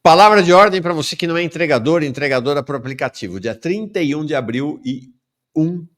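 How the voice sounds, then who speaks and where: A man's voice: on the high side, lively intonation, fairly quick, a bit bright. A male host of a live interview show, upbeat and emphatic.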